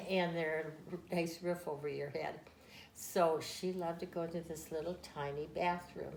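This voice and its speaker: A woman's voice: sits low, fairly even intonation, measured pace, vocal fry, a little mellow, slight background noise. Older woman telling family stories, echoey room. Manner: chatty, fond, laughs at her own stories. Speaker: interviewee. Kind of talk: casual family storytelling. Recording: echoey room with faint ambience.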